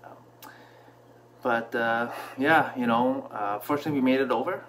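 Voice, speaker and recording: A man in his thirties who grew up in Canada, telling a personal story to camera from a small room at home, relaxed and reflective, with many fillers. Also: medium pitch, normal speed, slight background noise. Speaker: vlogger. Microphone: camera in front at desk distance.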